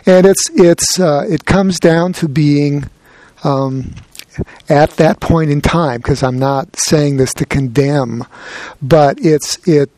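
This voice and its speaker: Brief: male meditation teacher, gentle and reflective, unhurried, slightly high voice, dry close sound. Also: no room sound. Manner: gentle, reflective, lightly humorous. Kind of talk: dharma talk.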